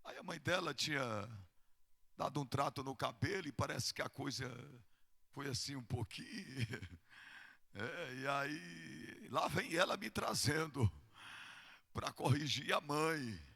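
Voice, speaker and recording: An older man, a pastor with a Brazilian Portuguese accent, preaching a fervent sermon in a thick, gravelly voice that swells into shouting. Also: on the high side, animated, slow pace.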